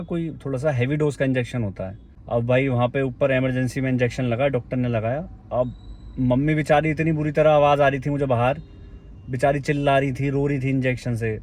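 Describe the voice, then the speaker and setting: A man's voice: mid-range voice, a little mellow. A man vlogging in casual chat, talkative and coaxingly consoling his mother.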